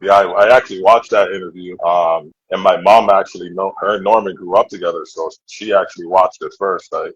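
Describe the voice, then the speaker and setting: Husky low-voiced Nova Scotia man. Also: steady tone, brisk, few pauses, no room sound. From Nova Scotia, Canada. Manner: earnest, reflective, repeats phrases as he thinks. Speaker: guest. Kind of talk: candid interview talk. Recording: dull, dry lo-fi sound.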